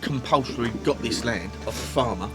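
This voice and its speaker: A man's voice: mid-range voice, lively intonation, a little fast. A man explaining things casually in a matter-of-fact, colloquial way. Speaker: companion explaining the site's history. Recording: music behind the voice. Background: music.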